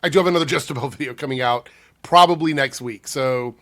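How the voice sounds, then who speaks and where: A man speaking casually as an online commentator answering viewer comments, breathy from a cold, often pausing and restarting as he thinks aloud. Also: mid-range voice, a bit bright. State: under the weather with a cold. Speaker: YouTube commentator.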